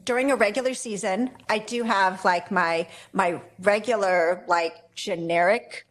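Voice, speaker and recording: A woman's voice: medium pitch, a little slow. A woman talking shop as a guest expert in a casual interview, rambling and correcting herself as she goes, with frequent small laughs. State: briefly coughing and hoarse. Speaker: photography business owner, guest expert.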